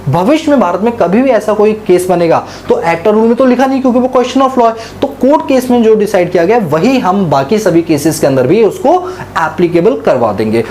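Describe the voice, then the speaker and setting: A man delivers a classroom tax lecture in a soft, mellow voice. He keeps quizzing his students and supplies the answers himself, switching into English for key terms. Quoted passages come slowly and deliberately, over a faint hum of background noise. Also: sits high, animated. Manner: asks the class questions and answers them himself; mixes English terms into Hindi speech.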